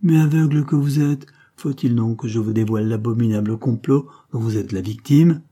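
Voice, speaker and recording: A man's voice: medium pitch, normal speed, dark tone, natural voice. A man voicing a scheming, cruel Creole woman with a sugary, coaxing delivery in a read-aloud novel.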